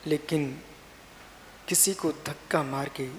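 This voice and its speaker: A middle-aged man preaches as a Jain monk, urging his listeners and repeating each point. His voice rings through a large hall with a long reverb and a faint hiss. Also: slow. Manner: repetitive, exhorting, rising to emphatic high-pitched stress. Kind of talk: sermon.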